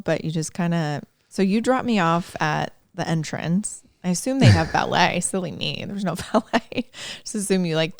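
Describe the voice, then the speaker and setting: Chatty woman with a gravelly low voice. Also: dry recording, studio quality. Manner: chatty, laughing, fond of quoted asides. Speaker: podcast host. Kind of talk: casual storytelling chat.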